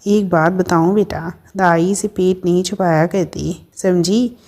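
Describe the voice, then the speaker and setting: Woman playing a brash young woman friend, blunt, scolding, mocking, storybook, lowish voice. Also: fairly even intonation, unhurried, darkish tone.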